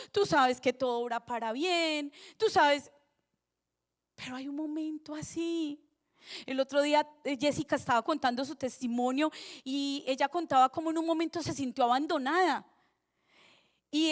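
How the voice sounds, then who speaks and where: High-voiced woman pastor preaching conversationally. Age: middle-aged. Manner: conversational, animated preaching with rhetorical questions. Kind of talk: sermon.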